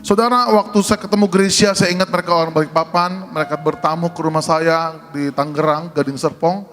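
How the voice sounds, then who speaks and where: A man's voice: fairly high pitch, fairly even intonation, fairly quick, fairly bright tone, soft background music. A man, a pastor, telling a humorous testimony to his congregation. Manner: humorous storytelling, addressing congregation. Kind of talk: sermon testimony.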